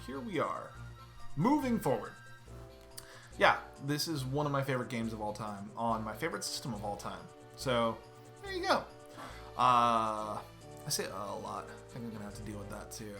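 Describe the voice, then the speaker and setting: A man in his thirties streams a game from a room at home, with faint music behind him, offering casual let's-play commentary full of loose chatter and offhand swearing. His mid-range voice is animated, gravelly, bright and forceful, at a moderate pace.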